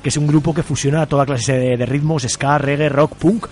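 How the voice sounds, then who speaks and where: A man with a Spain Spanish accent hosts a casual radio interview with guests, chatting informally. His voice sits a little high with a steady tone and a moderate pace, and there's slight background noise.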